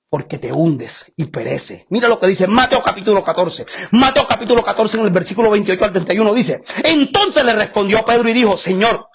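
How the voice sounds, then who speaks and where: A man preaching a fiery evangelical sermon, swinging between low, hushed lines and shouted, crying-out passages with long, drawn-out hallelujahs. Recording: dull lo-fi recording with clear background noise.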